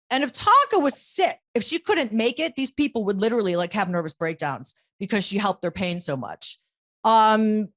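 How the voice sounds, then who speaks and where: Lively, blunt woman podcast host. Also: on the high side. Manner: lively, blunt, swears casually. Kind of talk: casual podcast chat.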